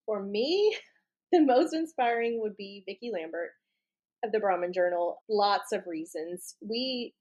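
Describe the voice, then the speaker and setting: A woman co-hosting a podcast, chatty and quick to laugh. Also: mid-range voice, animated, darkish tone. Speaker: podcast co-host. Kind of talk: casual chat.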